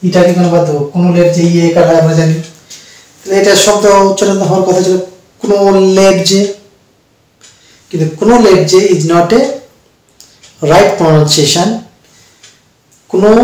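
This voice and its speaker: Bengali male teacher, slow patient explainer, fairly high voice, very roomy distant sound. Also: darkish tone. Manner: slow, repetitive explaining to students. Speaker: English teacher. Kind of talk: spoken lesson. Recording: very echoey room, distant mic.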